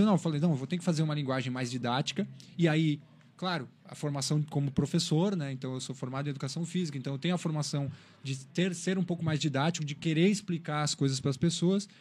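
A man from São Paulo, an interview guest telling animated stories and acting out what others said. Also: fairly high pitch, fast. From Brazil, São Paulo. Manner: animated storyteller, acts out quotes. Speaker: interview guest, cycling content creator. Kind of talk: casual interview chat.

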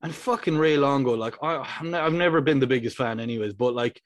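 A young man co-hosting a podcast in casual chat, animated and sweary, acting out quotes as he talks. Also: medium pitch, quick pace, no echo. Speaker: podcast co-host.

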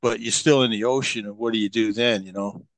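A man's voice: lowish voice, fairly even intonation, a little fast, fairly bright tone, dry recording. A middle-aged man, a podcast guest, telling long stories in a rambling, casual way with many fillers and restarts. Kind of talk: casual storytelling.

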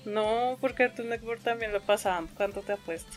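A woman's voice: a little high, moderate pace. Woman, Colombian accent, cute bubbly anime-fan host, playful, giggly, casual chat, music in the background. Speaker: podcast host.

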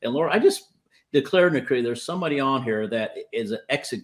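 This man in his fifties, who has a speech impediment, preaches and prays off the cuff during a livestream call, mixing charismatic prayer with exhortation. His mid-range voice carries lively intonation, though he halts, repeats, and trips over words.

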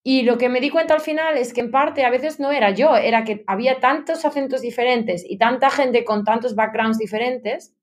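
A woman's voice: a little high, moderate pace. Spanish woman in her thirties. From Spain. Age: 30s. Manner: chatty, mixes English business terms. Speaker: guest. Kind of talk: conversational interview. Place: London.

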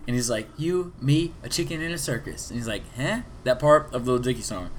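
A man's voice: mid-range voice, a little fast. Casting: tipsy young guy, defensive storyteller, casual podcast banter, faint noise behind. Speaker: podcast co-host. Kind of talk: casual chat.

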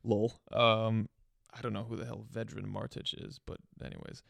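A man's voice: fairly low pitch, level tone, normal speed, vocal fry, fairly bright tone, no room sound. A young man co-hosting a podcast, chatting casually in a laid-back, joking way with many "um"s. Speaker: podcast co-host.

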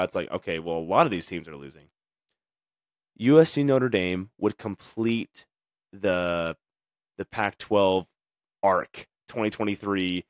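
A young man hosts a casual sports talk podcast, reading viewer comments and rambling through his takes with lots of fillers and restarts. His voice is low, recorded at studio quality with no echo.

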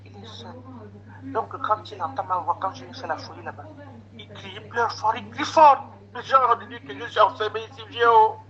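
Speaking at a moderate pace in a high-pitched voice, a man spins a long, casual tale. He animatedly recreates past conversations, quoting back what others told him, on a dull lo-fi recording.

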